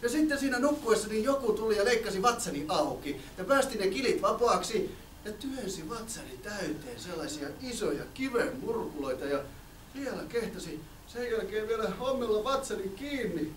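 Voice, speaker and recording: Man as a sly chuckling big bad wolf, lively swooping voice, storybook stage, echoey room from afar. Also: high-pitched, recorded from a distance, slight background noise. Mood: boastful.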